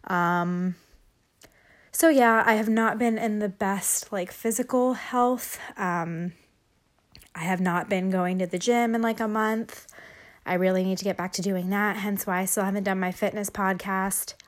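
A woman's voice: medium pitch, steady tone, measured pace. A young woman chatting casually on a solo podcast, rambling as she thinks aloud, with a stuffy nose and short of breath from a cold, breathing through her mouth. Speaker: podcast host.

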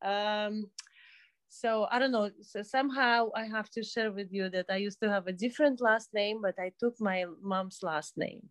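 A woman of forty with a Belarusian accent, talking casually and haltingly as an interview guest. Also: medium pitch, fairly even intonation. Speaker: podcast guest, day spa owner and skincare specialist.

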